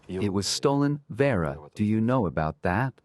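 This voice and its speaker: Man playing a stern low-voiced household accuser. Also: animated, normal speed, darkish tone, natural voice. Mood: stern, accusing.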